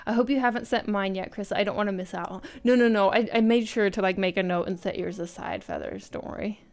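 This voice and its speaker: A woman's voice: mid-range voice, steady tone, a little fast, darkish tone. A woman chatting informally on a livestream and reading out viewer comments in a giggly, self-deprecating way. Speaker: art livestreamer. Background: music.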